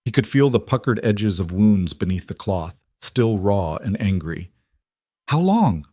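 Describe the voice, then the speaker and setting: A man's voice: lowish voice, moderate pace, dark tone, no room sound, studio quality. A man reading a dramatic western story as scripted narration.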